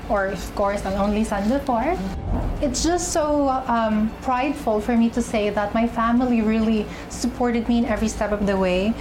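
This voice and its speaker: A young woman, an actress and pageant contestant, candidly recounting her personal journey in an interview, often pausing to find her words. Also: on the high side, low-quality recording. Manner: candid, searching for words with fillers and restarts. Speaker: interviewee, actress and beauty queen. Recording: music bed underneath.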